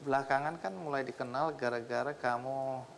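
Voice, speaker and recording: A man's voice: medium pitch, moderate pace, gravelly, a little hiss or hum. A man hosting a television talk show, asking questions in an encouraging way and often adding "ya" to prompt his guest. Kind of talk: interview questions.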